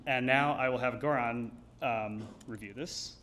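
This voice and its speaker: A man giving a live technical demo, explaining it in a hesitant, measured way. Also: mid-range voice, fairly even intonation, a bit bright, slight background noise. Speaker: engineer presenting a demo.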